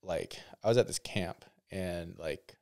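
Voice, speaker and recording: A young man hosting a podcast, easygoing and chatty, asking quick follow-up questions and sharing his own stories. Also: sits low, vocal fry, darkish tone. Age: young adult. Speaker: podcast host. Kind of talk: casual chat.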